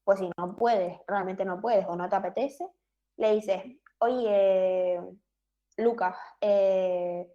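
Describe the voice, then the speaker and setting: A woman's voice: mid-range voice, steady tone, unhurried, muffled recording. Woman explaining a psychology workshop. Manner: conversational, many fillers and restarts. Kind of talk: explanatory online workshop talk.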